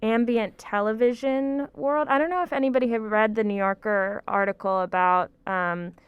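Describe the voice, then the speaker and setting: Woman film lecturer, thoughtful, hedging, very clear voice, dry sound. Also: on the high side, steady tone, moderate pace, dry recording, lo-fi sound. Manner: thoughtful, hedging, with frequent ums and likes. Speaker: film lecturer co-hosting a podcast. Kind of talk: casual podcast discussion.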